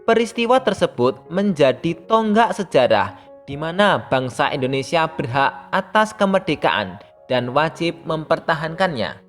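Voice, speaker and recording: A teacher reading a scripted lesson for primary school pupils, speaking to them directly in a steady reading voice. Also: medium pitch, a little slow, faint music behind. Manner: reads steadily, addressing pupils as younger siblings.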